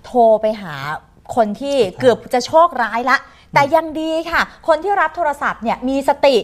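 A woman co-hosting a live TV talk show, asking brisk, lively questions. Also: high voice. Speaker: co-host.

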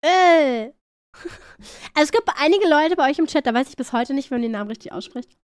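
Woman streamer reacting to clips: high, bouncy voice, excitable, playful word repetition, dry mic. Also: fairly quick, no room sound. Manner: excitable, shrieks and laughs often; playful, repeats words.

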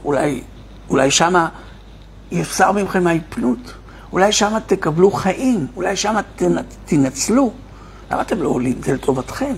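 Gravelly rabbi preaching with fierce urgency. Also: male voice, high voice, a little hiss or hum. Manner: exhorting, rhetorical questions, swings between shouting and near hush. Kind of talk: impassioned online sermon to viewers. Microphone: streaming to online viewers.

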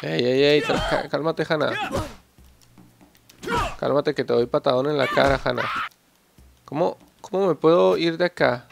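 A young man commentating a fighting game, excitable and joking, cursing at his rivals. His voice sits a bit high with a gravelly, creaky edge. The recording is noisy, with clicks in the background. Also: a little slow, pauses often. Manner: excitable, joking, swears at opponents. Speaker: gameplay channel host. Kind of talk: gameplay commentary.

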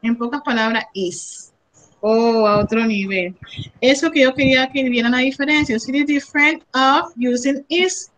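A woman's voice: sits high, moderate pace, a bit bright, slight background noise, rough recording. A woman English teacher with a Panamanian Spanish accent, coaching students in an online class, encouraging and praising, switching between Spanish and English.

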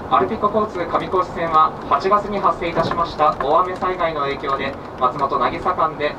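Distant, high-pitched male train conductor. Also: moderate pace. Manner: polite, formulaic announcer delivery. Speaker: train conductor making announcements. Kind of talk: formal train announcement. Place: inside a moving train. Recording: distant onboard speaker with loud train noise.

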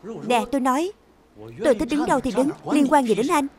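A woman's voice: sits high, a little fast, crowd noise, natural voice. A woman voicing a rude and provoking man who jumps a queue, in a plain dubbed reading. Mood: insulting. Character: rude, hostile male queue jumper.

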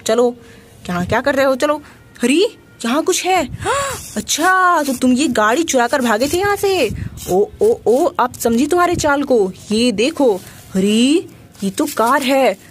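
High-pitched woman narrating toy play. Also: measured pace, a little hiss or hum. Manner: bossy, animated, many repeated words. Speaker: toy video host.

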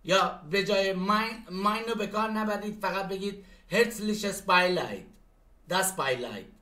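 A man teaches German phrases, saying each German sentence slowly before explaining it. His voice is high and bright. The room around him is echoey. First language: Persian. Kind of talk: language lesson.

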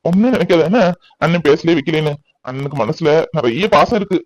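A man's voice: on the high side, animated, a little fast, no room sound. A man voicing a kind brother in a cartoon, soothing and reassuring his crying sister. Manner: soothing, warm-hearted, reassuring. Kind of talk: cartoon voice acting.

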